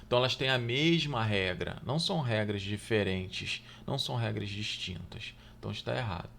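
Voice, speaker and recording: A man teaching an exam-prep grammar lesson, reading each question slowly and louder, then answering in a quick, low aside and checking in with "tá?" and "né, gente?". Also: vocal fry, slight background noise. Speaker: Portuguese exam tutor.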